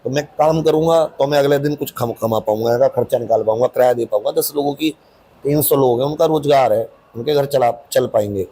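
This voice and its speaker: Coaching teacher defending himself in an interview; husky, insistent, talks in long runs. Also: male voice, mid-range voice, brisk, mellow. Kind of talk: interview answers.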